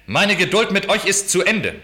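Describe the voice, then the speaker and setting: Proud, curt naval captain, higher-pitched, scornful, for a radio play. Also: male voice, very animated, normal speed, pushed and bright, heavily acted. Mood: stern refusal. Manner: curt, cold, contemptuous. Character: stern, proud male ship's captain, loyal to his king.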